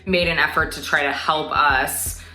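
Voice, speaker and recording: Bright low-voiced woman in her twenties. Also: steady tone, unhurried. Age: 20s. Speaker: teacher. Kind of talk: personal testimony to camera. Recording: echoey room, soft music behind.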